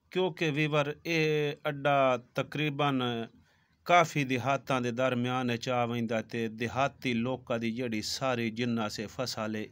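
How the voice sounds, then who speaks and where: This casual travel vlog comes from a man in his thirties from Punjab, Pakistan, filming on an arm's-length phone along village roads and then inside a shoe shop. Repeating "viewers" often, he speaks directly to his audience in a mid-range voice that's a bit bright and smooth. The recording is dry.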